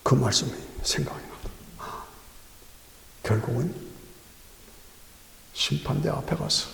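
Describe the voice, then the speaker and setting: Gravelly-voiced dramatic Korean pastor preaching. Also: male voice, medium pitch, measured pace, slight background noise. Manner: dramatic, swings from hushed whispers to loud exclamations. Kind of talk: sermon. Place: church sanctuary. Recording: echoey church hall.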